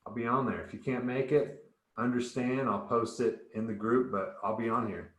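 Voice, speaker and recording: A man's voice: medium pitch, steady tone, moderate pace, echoey room. A man coaching a group on nutrition in a casual, upbeat way, rambling a little and often restarting words.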